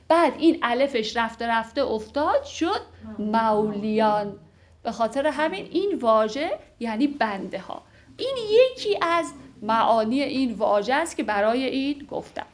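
A woman giving an informal, conversational lecture on classical poetry, with fillers and asides. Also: sits high. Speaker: literature teacher.

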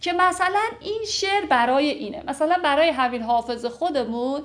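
A woman giving an informal, conversational lecture on classical poetry, with fillers and asides. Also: high voice. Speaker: literature teacher.

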